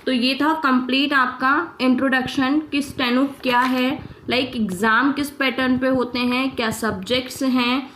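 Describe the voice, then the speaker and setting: High-pitched woman teacher, patient, keeps asking if you got it. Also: steady tone, measured pace, hardly any pauses, a bit bright, slight background noise. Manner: patient, checks in with "ठीक है?" often. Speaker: shorthand teacher. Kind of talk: explaining lesson in mixed Hindi and English.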